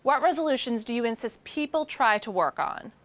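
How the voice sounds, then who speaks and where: Higher-voiced woman hosting an interview show. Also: animated, a little fast, fairly bright tone.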